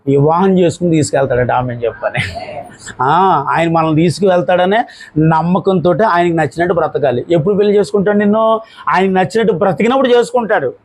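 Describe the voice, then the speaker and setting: A man, a pastor preaching a sermon and calling for amens from the congregation, switching between loud exclamations and slow, low phrases. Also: rough recording. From India. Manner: call-and-response preaching, urging amens.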